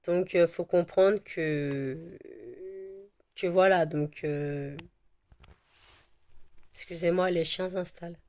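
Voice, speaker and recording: A woman with a cold talks loosely to her viewers, hoarse and croaky, with a low, mellow voice. She circles back over her words with plenty of fillers. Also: steady tone, slow pace, long pauses. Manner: rambling, many fillers and repeated words; coos at her dogs in a high sing-song. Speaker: vlogger selling handmade candles and wax melts. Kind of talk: casual chat to camera.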